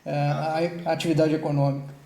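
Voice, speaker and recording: A man's voice: fairly high pitch, level tone, a little fast, gravelly, mellow, echoey room. A man coordinating an online meeting, talking casually with many restarts and tag questions.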